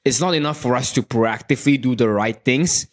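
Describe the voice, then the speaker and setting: A man hosting a casual podcast with a mid-range voice. He asks questions and reads prepared talking points in a calm, steady way. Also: medium pitch, a little fast. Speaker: podcast host.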